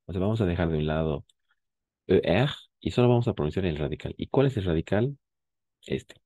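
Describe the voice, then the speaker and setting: A man with a deep, mellow voice teaches a live French class, patiently explaining, repeating key words, and checking that his students are keeping up. The recording is dry.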